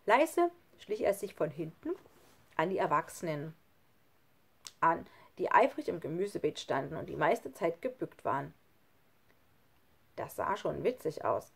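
Eine Frau, die ein Kinderhörbuch ausdrucksvoll vorliest. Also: female voice, sits low, unhurried, gravelly, long pauses, breathy edge. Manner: expressive storytelling. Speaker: audiobook reader. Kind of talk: children's audiobook narration.

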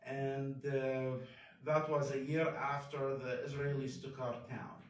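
A man's voice: mid-range voice, little pitch movement, slow. A man in his fifties, raised in Kuwait, giving a candid, self-deprecating personal testimony at a chapel pulpit. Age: 50s. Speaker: devotional speaker. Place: large chapel, speaking at a wooden pulpit. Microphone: far camera phone in the congregation. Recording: very echoey hall, voice from far off.

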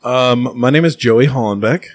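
A man's voice: mid-range voice, normal speed. A man in his early forties from the Pacific Northwest, co-hosting a casual podcast with dry, teasing banter. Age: early 40s. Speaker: podcast co-host.

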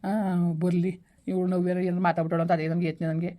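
A woman playing a family member who keeps calming everyone before leaving for duty, soothing and insistent, in a village family skit. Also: on the low side, very fast, natural voice. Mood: weary.

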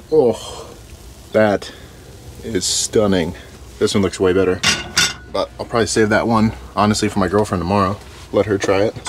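A young man vlogging as he cooks in a small camper van kitchen, relaxed and chatty. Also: on the low side. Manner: relaxed, chatty, talks while cooking. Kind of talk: casual cooking vlog. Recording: noisy camper van recording.

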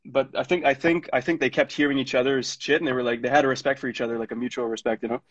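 Racing along in a fairly bright, medium-pitched voice with fairly even intonation, this young Montreal producer rambles through slangy, relaxed stories packed with fillers during a casual radio interview. The studio mic picks up no echo, though the radio-studio audio is dull and lo-fi.

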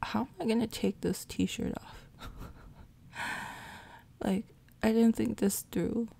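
Recovering from jaw surgery, a woman does a casual ASMR roleplay chat, rambling and repeating herself in rapid runs of words. Her voice is a soft, breathy half-whisper, and the low-quality audio carries constant background machine noise.

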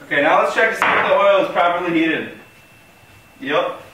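A man's voice: sits high, moderate pace. A young man playing an enthusiastic, showy cook in a playful mock cooking show, recorded from across a home kitchen. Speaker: co-host cook. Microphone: far camera mic. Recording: echoey kitchen from far off, clear noise.

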